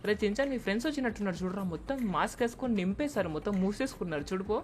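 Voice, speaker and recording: A woman voicing an exasperated young man who scolds and shouts at a kid, in a game dub. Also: medium pitch, animated, racing, close to an everyday voice. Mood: puzzled. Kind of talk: game dub role-play.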